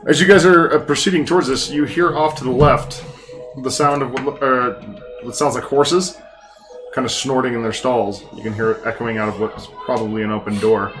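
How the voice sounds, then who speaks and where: A man narrating a tabletop game as game master, improvising descriptions and halting as he searches for words. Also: medium pitch, fairly even intonation, music in the background.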